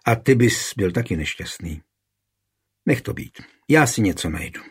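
A man's voice: on the low side, animated, slightly rough. A man voicing Vilemína, a humble widowed daughter. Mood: pleading.

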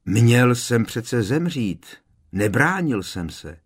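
A man's voice: mid-range voice, sing-song, husky, voice pushed up. Man voicing a bewildered teen boy wizard. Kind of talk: audiobook character voice.

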